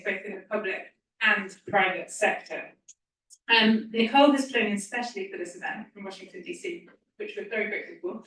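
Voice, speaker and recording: A woman's voice: mid-range voice, a bit bright, a little hiss or hum. A woman introducing a guest and hosting an onstage interview at a university event, with frequent ums. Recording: echoey hall from far off.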